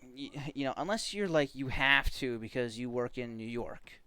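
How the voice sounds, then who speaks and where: A sleepy man on a game stream, chatting casually in a relaxed, rambling way and laughing often. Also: medium pitch, moderate pace, clear, resonant tone, no room sound. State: sleepy, yawning. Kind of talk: casual chat.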